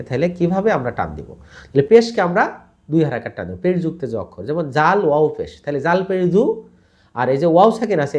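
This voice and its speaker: A man teaching Quran recitation rules, who sounds out syllables slowly and drawn out, explains quickly in between, and asks learners to repeat after him. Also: on the high side, a little mellow, muffled recording. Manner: drills syllables slowly and stretched, then explains in quick bursts. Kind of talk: tajweed lesson.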